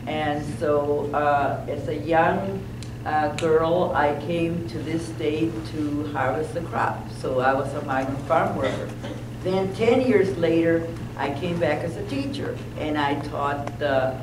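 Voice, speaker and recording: A woman in her sixties, from Texas, speaks as a longtime educator in a deliberate, measured way. Her voice comes from far off in an echoey hall. Room noise sits clearly beneath it. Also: low voice. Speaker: retired educator, panelist.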